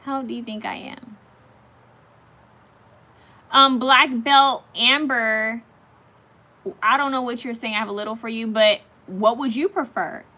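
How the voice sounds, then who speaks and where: Woman, thirties, bright voice, slightly high pitch, casual livestream chat, answers viewer comments, frequent restarts. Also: fairly even intonation, unhurried, long pauses. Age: 30s. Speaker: livestream host reading oracle cards.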